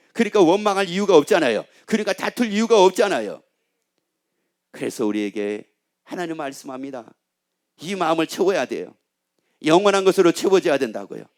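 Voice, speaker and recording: A man preaching a sermon with a high, lively voice that climbs and falls a lot. He keeps asking the congregation questions and repeats his phrases in long rolling lists. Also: brisk. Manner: rhetorical questions and repetition. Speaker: pastor.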